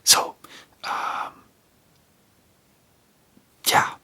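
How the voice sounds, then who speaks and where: An ASMR video host, a man, whispers a rambling chat in a breathy, unvoiced whisper. He draws his words out, and the sound is pushed and bright. He comes across as hesitant and spontaneous.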